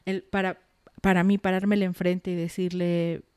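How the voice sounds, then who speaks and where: A woman's voice: lowish voice, level tone, moderate pace, warm tone, smooth, no echo, clean studio sound. A woman, a podcast guest candidly telling a personal story with frank, mildly salty words. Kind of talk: casual podcast conversation.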